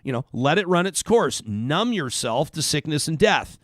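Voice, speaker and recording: A Canadian man hosts a talk radio show, his voice pitched a little high and swinging widely as he riffs with sarcasm. The sound is dry and close, with no room around it. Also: moderate pace, no room sound. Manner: animated, sarcastic, swears casually. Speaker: radio host. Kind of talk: opinionated talk radio monologue.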